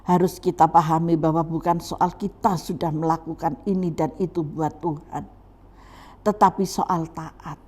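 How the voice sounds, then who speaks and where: A woman pastor, preaching emphatically and repeating her points, swinging between loud and soft. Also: low voice, steady tone, measured pace. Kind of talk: sermon.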